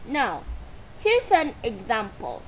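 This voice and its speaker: Woman voicing Gumball, slow chatty cartoon host. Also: a little high, huge pitch swings, slight background noise, heavily acted, low-quality recording. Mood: upbeat. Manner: slow, chatty host reading shout-outs. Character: cartoon boy cat hosting a chatty fashion show. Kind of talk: fan-made cartoon dub.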